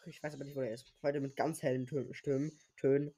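A young man with a sore throat hosts a gaming podcast, playing solo and muttering casual, slangy commentary to himself. His medium-pitched voice is warm and slightly rough, with little pitch movement and a quick pace.

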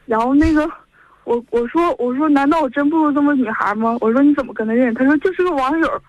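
Calling in by telephone, a woman in her twenties with a Northeastern Mandarin accent recounts events loosely, stringing them along with "and then." She is high-pitched and quick-paced, and the dull, lo-fi phone audio has no echo.

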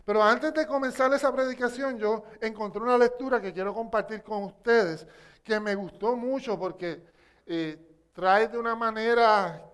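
A Puerto Rican man preaching from the pulpit, his voice pitched high for a man. He tells a story in a lively sermon and stops often to ask the congregation for a response. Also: clear, resonant tone. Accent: Puerto Rican Spanish.

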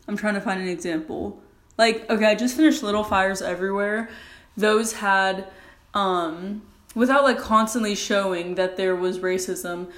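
Young woman rambling casually in a bathroom. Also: medium pitch. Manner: rambling, informal, frequent "like". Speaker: podcast host. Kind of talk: casual solo podcast chat.

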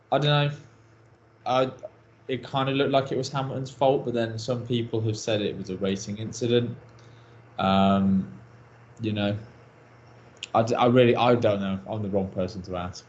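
A man's voice: mid-range voice, steady tone, normal speed, long pauses. A man co-hosting a casual podcast, hesitant and unsure, then teasing the others. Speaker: podcast co-host. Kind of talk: casual chat. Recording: dull lo-fi audio with faint noise.

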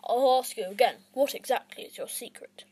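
A woman's voice: a little high, moderate pace, dark tone, breathy edge. A woman voicing a sly, pushy young male journalist in a storybook reading, with a probing, mocking manner.

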